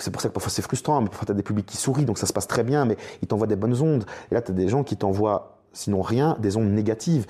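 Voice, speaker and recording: A young male comedian talks quickly in a low, dark voice and tells stage anecdotes in a relaxed podcast conversation. He slips into other people's voices as he retells their lines. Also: husky. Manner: lively storyteller who acts out other people's lines. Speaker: stand-up comedian guest.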